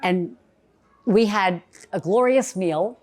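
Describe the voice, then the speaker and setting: Her pitch medium and her tone darkish, a woman travel agent unhurriedly hosts a live event in a bistro event space. The casual presentation is chatty and bubbly, delivered in a big cheerleader voice.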